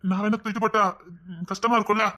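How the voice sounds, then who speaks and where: A woman voicing a gentle, gullible husband in a comedy skit, speaking with a Tirunelveli Tamil accent in a hesitant, worried way. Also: mid-range voice, flat delivery, quick pace, pitched below the performer's own voice, natural voice. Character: gullible, soft-spoken husband, a grown man.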